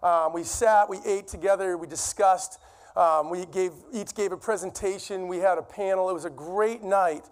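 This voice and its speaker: High-voiced man with a Boston accent preaching. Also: steady tone, moderate pace. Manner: conversational, self-deprecating. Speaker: guest preacher. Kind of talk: sermon. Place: church sanctuary.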